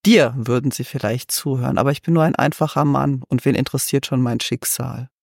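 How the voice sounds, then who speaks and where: A man's voice: mid-range voice, fairly even intonation, brisk, vocal fry, darkish tone, no echo, clean studio sound. A man voicing a poor, weary shepherd who talks bitterly and in disbelief, in a storybook reading. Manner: sighing, bitter, unbelieving.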